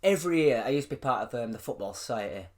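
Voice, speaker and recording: A man, co-hosting a casual chat and telling stories in an animated way, laughing often and swearing freely. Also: medium pitch, rapid-fire. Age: 20s. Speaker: podcast co-host.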